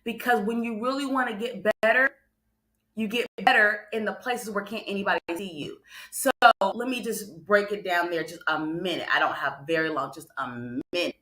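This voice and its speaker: A woman with a medium-pitched, steady, sharp-toned voice delivers a motivational sermon at normal speed, laying it out in numbered points. As a preacher and motivational speaker on a morning show, she repeats phrases emphatically for stress and tosses conversational asides to her listeners. The livestream audio sounds roomy and echoing.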